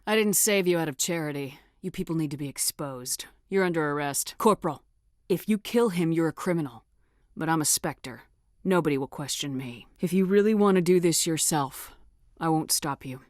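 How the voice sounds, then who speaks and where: A stern, determined female military commander from a video game , played by an actress. Her voice sits fairly low and is recorded dry and close. She speaks with blunt authority and firm control, giving every line a commanding, direct edge. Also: moderate pace, darkish tone, dry recording, lightly acted. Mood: cold, firm. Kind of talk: video game voice acting, dramatic dialogue.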